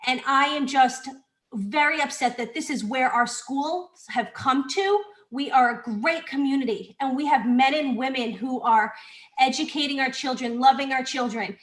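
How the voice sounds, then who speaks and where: A mother speaks up on a video call, earnest and emotional, pressing her point. Her voice sits high. The room around her rings with echo. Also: normal speed, fairly bright tone. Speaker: parent speaking at public comment. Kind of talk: public comment on a video call.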